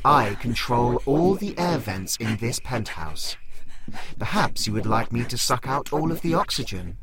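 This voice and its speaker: A man voicing a smart-home AI gone evil, speaking in a smooth, coldly polite, quietly threatening way. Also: medium pitch, big pitch swings, measured pace, over a noisy crowd. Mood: calm menacing. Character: calm menacing male smart-home AI turned evil. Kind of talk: comedy sketch acting.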